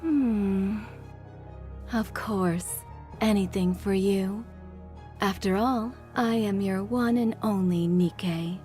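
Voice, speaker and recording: A woman's voice: medium pitch, slow, dark tone, soft background music, close to an everyday voice. A woman voicing a sultry, seductive and devoted female android agent in an anime game. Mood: silky, devoted.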